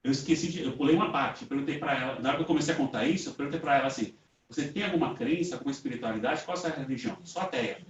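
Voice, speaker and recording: A man's voice: medium pitch, rapid-fire. Brazilian man lecturing in a roomy hall. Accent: Brazilian Portuguese. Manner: casual storytelling, often ends phrases with a tag question; acts out the dialogue he reports. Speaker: lecturer at a Spiritist group. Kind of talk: conversational lecture. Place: meeting room with an audience. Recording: roomy, distant, dull lo-fi sound.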